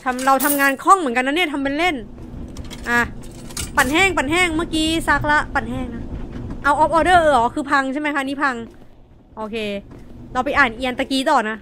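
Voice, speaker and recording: During her horror game stream, a young VTuber talks along and swears at the jump scares. Her high voice comes out fairly quick, pushed, and bright, with a little hiss or hum in the audio.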